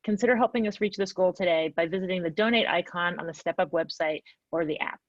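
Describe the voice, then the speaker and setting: A woman's voice: lowish voice, fast, no echo, dull audio. A woman moderating a panel discussion, guiding questions and responding appreciatively.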